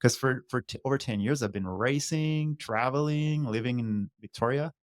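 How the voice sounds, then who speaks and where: A native French speaker from Quebec, Canada, and a former downhill mountain bike racer, this man casually tells his own story as a podcast guest. His Quebec French-accented voice is medium-pitched at normal speed, recorded with clean studio sound and no room echo.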